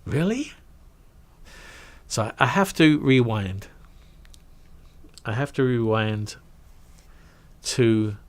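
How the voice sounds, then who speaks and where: Brief: middle-aged Englishman, lowish voice, chatty storyteller who acts out the voices he quotes. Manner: animated, acts out quoted voices, trails off into asides. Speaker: guest recounting his career. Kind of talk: casual anecdotal storytelling.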